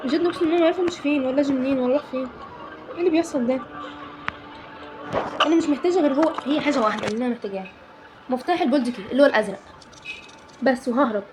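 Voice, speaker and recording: Fast-talking Egyptian woman gamer. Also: high-pitched, music in the background, low-quality recording. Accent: Egyptian Arabic. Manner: jittery, exasperated, talks to viewers. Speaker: gaming YouTuber. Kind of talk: horror game commentary. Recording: loud background noise and clicks.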